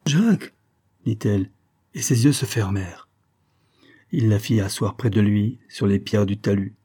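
A man reading a French novel aloud as the narrator, in a measured storytelling manner. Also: fairly low pitch, dark tone, breathy edge. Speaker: audiobook reader. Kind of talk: literary narration.

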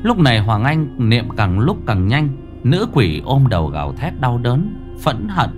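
A man narrating a ghost story in a dramatic, expressive way. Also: medium pitch, unhurried, over music.

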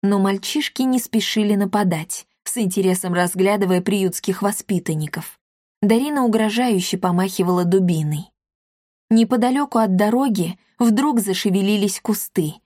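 A woman reading a children's story aloud in a lively, expressive way. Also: mid-range voice, normal speed, no echo, clean studio sound. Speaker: audiobook narrator. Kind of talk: scripted storybook narration.

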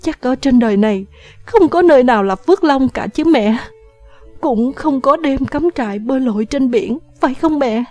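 Woman doing a wailing teen in an audiobook, crying hard, high voice, faint music behind. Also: animated, moderate pace, a little mellow. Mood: pleading. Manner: sobbing, screaming, pleading. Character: distraught feverish teenager wailing in grief. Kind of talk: audiobook character voice.

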